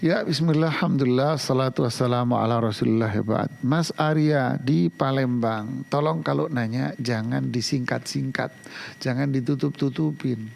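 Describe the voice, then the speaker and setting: A man teaching Islamic law on a live broadcast, answering viewers' questions in an animated, scolding way and firing off rhetorical questions. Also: medium pitch, normal speed, creaky. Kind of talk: live religious Q&A lesson.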